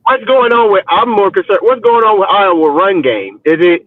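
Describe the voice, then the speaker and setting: A man's voice: high-pitched, expressive, moderate pace, no echo. A man calling in to a football livestream on a choppy line, easygoing and chatty. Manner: easygoing, says "man" a lot. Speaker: call-in guest. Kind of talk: casual football talk. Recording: choppy phone-like call line.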